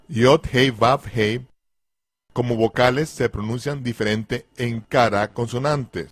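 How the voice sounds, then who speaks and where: A man giving a religious lesson, slowly spelling out letters and repeating pronunciations with deliberate care. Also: medium pitch, dry recording. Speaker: religious teacher.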